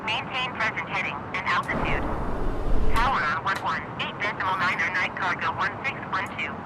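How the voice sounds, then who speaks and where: A man's voice: sits high, normal speed, background noise, natural voice. A man voicing an impersonal cargo pilot over the radio, giving clipped procedural readbacks. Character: male cargo pilot reading back clearances, impersonal.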